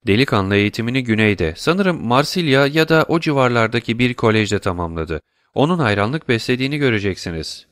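A man reading an audiobook, voicing a commanding, ironic middle-aged count in a measured, dry manner. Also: mid-range voice, lively intonation, a bit bright, no room sound, lightly acted. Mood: smooth. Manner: measured, dry, lightly mocking.

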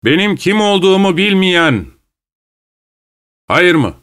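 A man voicing a big burly man in overalls who calls a roll in a loud, commanding, businesslike way. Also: on the low side, normal speed, lightly acted. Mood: brisk.

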